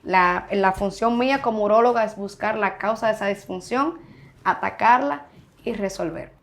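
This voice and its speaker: Frank woman specialist guest, emphatic, explains plainly, mid-pitched voice. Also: moderate pace. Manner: frank, emphatic, acts out patient dialogue. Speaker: urologist guest. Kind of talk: interview answers, explaining.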